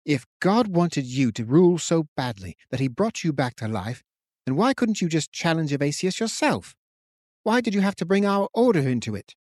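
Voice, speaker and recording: A man's voice: fairly high pitch, sing-song, normal speed, hardly any pauses, a little mellow, dry recording, clean studio sound. A man voicing a grieving, angry young knight of an order, with a tense, raised delivery. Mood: bitter. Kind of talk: audiobook character voice.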